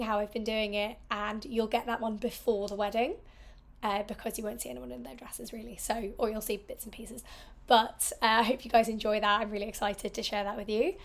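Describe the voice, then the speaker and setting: A woman in her thirties with a croaky, hoarse voice, chatting through a casual catch-up vlog about her sewing plans. She talks in a rambling, upbeat way with plenty of ums and asides, her pitch sitting a touch high. It is recorded at home on a small mic. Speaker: sewing vlogger. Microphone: small mic at the bottom of the frame.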